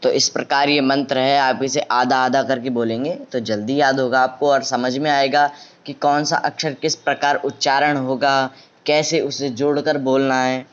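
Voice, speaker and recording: A man teaching Vedic chanting, drawing each syllable out slowly and then explaining pronunciation briskly. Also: mid-range voice, flat delivery, smooth, lo-fi sound. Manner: slow drawn-out chanting alternating with quick explanations. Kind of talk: recitation lesson.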